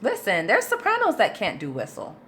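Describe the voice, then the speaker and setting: A vocal coach chats informally through a livestream Q&A, reading audience questions and explaining her answers patiently and step by step, with many fillers. Her medium-pitched, fairly bright voice swoops wildly and moves briskly, over slight background noise.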